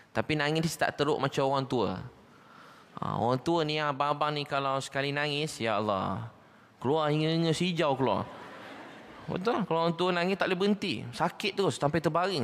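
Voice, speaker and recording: A man with a Malaysian Malay accent preaching a sermon, telling stories and climbing high in pitch to drive his points home. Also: a little fast. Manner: animated, rising to a high pitch when stressing a point. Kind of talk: sermon storytelling. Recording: long reverb of a hall.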